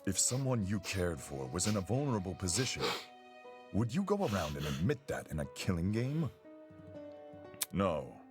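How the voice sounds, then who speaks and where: A man's voice: sits low, sing-song, moderate pace, pauses often, over music. A man voicing a blunt, protective young male student in a game, folksy and plain-spoken. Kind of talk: game voice acting.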